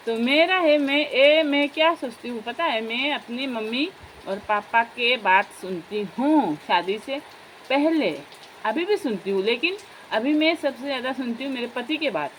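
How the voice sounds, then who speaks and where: A woman's voice: high voice, animated, unhurried, a bit bright, a little hiss or hum, low-quality recording. A young woman vlogger in casual chat, talking straight to her viewers as friends in a chatty, confiding way.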